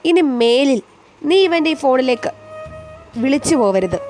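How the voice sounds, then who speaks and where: A woman voicing a stern, curt father, a bit high, soft music underneath. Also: animated, a little fast, lightly acted. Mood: angry. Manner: curt and scolding. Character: stern middle-aged father refusing a match. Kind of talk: storytelling voice acting.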